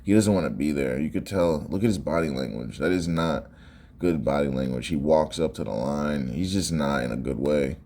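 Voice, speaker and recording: A man's voice: rumbling low, normal speed, darkish tone, slight background noise. A man giving casual, conversational reaction commentary on sports footage, often repeating phrases for emphasis.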